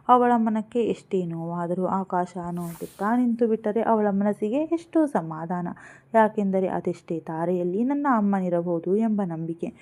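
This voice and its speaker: Mellow-voiced woman narrating a story. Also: medium pitch.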